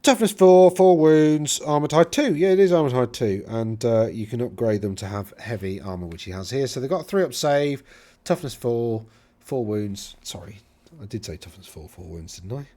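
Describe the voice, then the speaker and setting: A man from England with a Middle England accent casually talks through tournament army lists on his own. His warm, medium-pitched voice is animated and moves at a normal speed, and he rambles, often corrects himself, and makes chatty asides.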